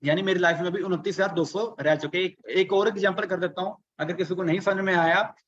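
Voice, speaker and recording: High-voiced man coaching a live webinar. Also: fairly even intonation, fast talker, fairly bright tone, highs cut off. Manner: repetitive, rhetorical questions, walks through arithmetic step by step. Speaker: online business coach. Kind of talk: live online workshop.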